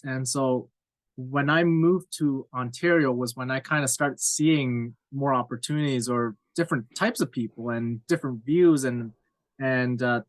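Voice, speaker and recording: A man's voice: mid-range voice, no room sound, low-quality recording. Candid rambling man in his thirties. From Cape Breton Island, Nova Scotia, Canada. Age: 30s. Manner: candid, rambling, self-deprecating with frequent fillers. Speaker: podcast guest. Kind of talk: casual interview chat.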